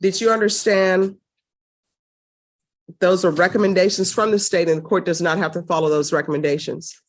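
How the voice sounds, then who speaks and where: Woman, judge, firm, brisk, fairly low-pitched, courtroom recording. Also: steady tone. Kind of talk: formal courtroom proceedings.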